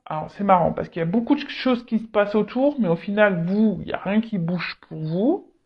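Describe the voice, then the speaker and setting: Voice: mid-range voice, fairly quick. A tarot reader speaks directly to the audience in a loose, unscripted reading, stalling often and circling back through repeated words and fillers. The recording sounds a little dull and lo-fi, with the top end muffled.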